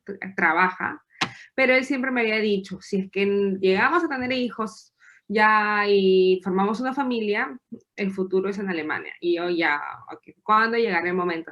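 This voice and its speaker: A woman's voice: mid-range voice, dull audio. Chatty Peruvian woman in her thirties. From Peru. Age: 30s. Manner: lively, chatty, laughs while telling her story. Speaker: podcast guest. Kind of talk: casual interview storytelling.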